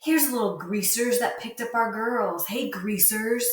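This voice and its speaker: A woman's voice: a little high, a little slow, voice pushed up, close to an everyday voice. A drunk, sneering rich teenage bully, read aloud by a woman, taunting and slightly unsteady. The voice is heard in a roomy, echoing space from a distance.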